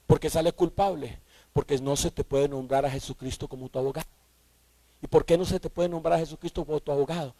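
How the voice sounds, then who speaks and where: A man preaching a sermon, emphatic, rising to shouts and repeating his key points. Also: on the high side, no room sound.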